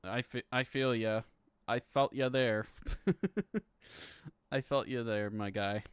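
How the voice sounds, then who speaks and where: A man's voice: mid-range voice, fairly even intonation, slow pace, clean tone, dry recording, clean studio sound. A man in his thirties chatting casually on a live stream, rambling and swearing, laughing between lines and stumbling as he reads legal text aloud. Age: 30s. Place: home room.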